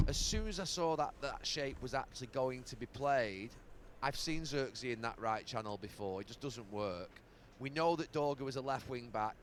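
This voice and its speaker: A middle-aged man giving broadcast football analysis, measured and halting, with fillers as he searches for words. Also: mid-range voice, a little hiss or hum. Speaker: football pundit.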